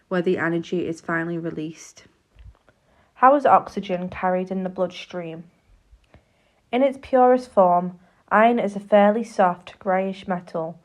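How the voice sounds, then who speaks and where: A woman with a voice on the low side reads a scripted educational narration. Her delivery is measured, formal and explanatory, like a public information film.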